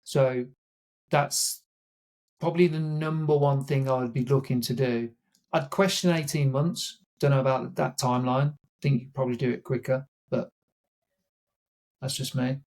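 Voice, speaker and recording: A man's voice: mid-range voice, a little mellow. A man hosting a casual podcast Q&A, answering in a rambling, hesitant way with many fillers. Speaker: podcast host.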